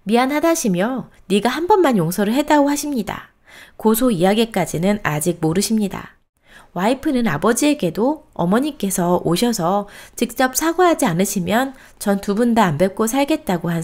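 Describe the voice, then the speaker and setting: A woman hosting a storytelling channel, reading a reader's post aloud in an expressive, steady cadence. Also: on the high side, normal speed.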